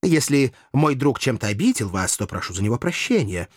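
A man's voice: mid-range voice, very animated, brisk, dry recording, studio quality, voice pushed up. A man voicing a gallant, theatrical young nobleman with florid, mock-courteous speech. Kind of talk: audiobook character voice.

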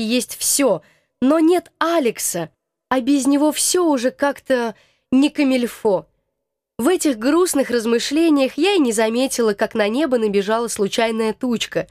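Young female audiobook narrator, ironic first-person read, high-pitched, close dry recording. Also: darkish tone, no room sound. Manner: wry, ironic storytelling.

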